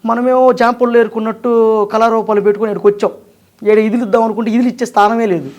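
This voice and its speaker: A man's voice: sits high, fairly even intonation, a little mellow. A man from Andhra Pradesh, a mimicry artist and actor, talking earnestly and emphatically as an interview guest. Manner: earnest, emphatic, sings in a slow drawn-out voice. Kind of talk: interview conversation.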